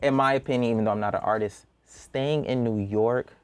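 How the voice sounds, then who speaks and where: A man's voice: medium pitch, steady tone, brisk, clean tone, no echo. Easygoing male interview host. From Panama. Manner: easygoing, rambling questions with "you know" fillers. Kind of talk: casual interview questions.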